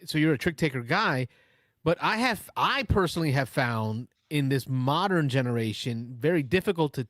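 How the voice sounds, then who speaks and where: A man's voice: on the high side, lively intonation, normal speed, fairly bright tone, dry recording, studio quality. A man in his forties hosting a call-in show, chatting casually and telling stories. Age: 40s. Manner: chatty, storytelling. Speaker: host. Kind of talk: casual chat.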